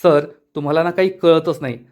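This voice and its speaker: A man's voice: a little high, brisk, a little mellow, close to an everyday voice. A man voicing a talkative young woman who chides her boss, in an episode recap. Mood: chiding. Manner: chiding, talkative.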